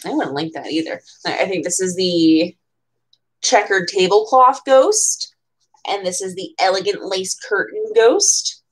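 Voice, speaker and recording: A bookseller in her twenties with an American accent reads a children's picture book aloud at a storytime event held in a small room at home. She reads expressively with casual, chatty asides, her mid-range voice unhurried and lively in intonation.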